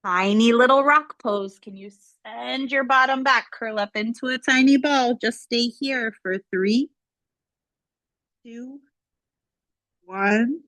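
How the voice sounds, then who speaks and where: A woman leads children through yoga poses at an unhurried pace, her voice slightly high and kind. She talks in playful, encouraging cues. The sound is close and dry, with no room around it. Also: a bit bright, no room sound. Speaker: yoga instructor. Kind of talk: guided kids' yoga instruction.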